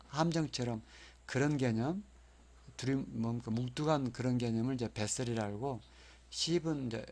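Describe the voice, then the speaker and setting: A man teaching an exam prep lecture, explaining answers and repeating key terms for students to memorize, spelling English terms out slowly. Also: mid-range voice, creaky.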